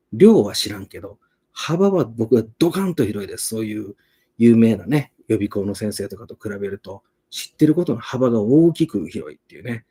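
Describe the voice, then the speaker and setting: Guy in his 40s, english teacher rambling on a stream, low mellow voice, pretty sure of himself. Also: breathy edge. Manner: chatty, self-assured, rambling. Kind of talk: casual live-stream self-introduction.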